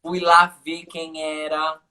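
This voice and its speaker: A man's voice: a little high, completely flat delivery, slow pace, bright, forceful tone. A man with a Brazilian accent, hosting a casual live-stream chat and telling stories in a mocking, ironic way. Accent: Brazilian Portuguese. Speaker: host.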